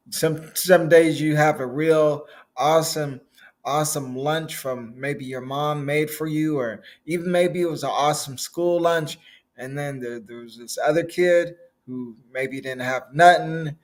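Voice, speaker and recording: A man giving a casual sermon, talking in a conversational, playful way with frequent asides. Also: fairly high pitch. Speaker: preacher.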